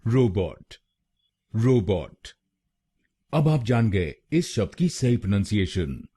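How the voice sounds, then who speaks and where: A man hosting a pronunciation lesson, speaking slowly and deliberately and repeating each word several times. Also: fairly low pitch, big pitch swings, mellow, slightly rough. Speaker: pronunciation teacher.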